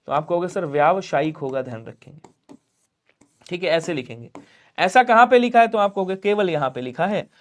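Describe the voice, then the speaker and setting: Using lively intonation and a moderate pace, a high-voiced man walks students through an online grammar lesson for exam prep. He poses questions and then answers them himself, and encourages viewers to like and subscribe.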